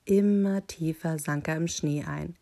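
A woman reading a children's picture book aloud, with calm, deliberate storytelling. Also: low voice, vocal fry.

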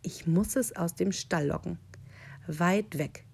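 A woman's voice: slow, creaky, husky, full character voice. Woman doing a sly, lisping hungry wolf. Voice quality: put-on deep bass voice with a lisp. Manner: mock-polite, scheming. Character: smooth-talking hungry male wolf, sly.

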